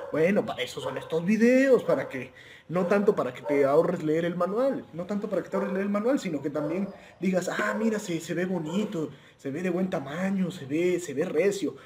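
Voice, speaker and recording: Over a noisy background, a man with a high-sitting voice casually demonstrates a handheld radio as a gear reviewer. He hesitates, restarts often and leans on fillers, chuckling regularly while treating viewers as friends.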